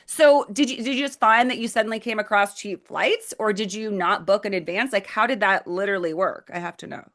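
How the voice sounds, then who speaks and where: A woman's voice: medium pitch, a little fast, fairly bright tone. A woman hosting a podcast interview, talking in an enthusiastic, affirming way. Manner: enthusiastic and affirming, spiritual talk. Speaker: podcast host.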